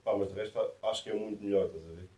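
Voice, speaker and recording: A man in his twenties with a Lisbon accent and a deep timbre, chatting casually in laid-back street slang as an interviewed musician. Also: fairly even intonation, very fast, dark tone. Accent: Lisbon Portuguese. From Massamá, greater Lisbon, Portugal. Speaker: musician and producer being interviewed. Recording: roomy echo, distant from the mic.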